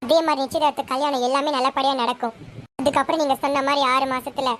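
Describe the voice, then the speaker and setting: A woman's voice: sits high, level tone, quick pace, fairly bright tone, a little hiss or hum. An actress playing an eager young woman accomplice in a TV serial, speaking in a reassuring way. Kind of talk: TV serial acting.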